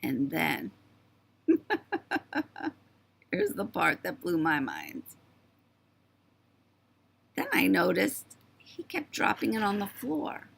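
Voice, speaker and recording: A woman in her fifties telling a story to the camera in a chatty, marvelling way, her voice starting to go hoarse. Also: on the low side, wildly swooping pitch, slow, pauses often, fairly bright tone. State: voice going hoarse. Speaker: vlogger.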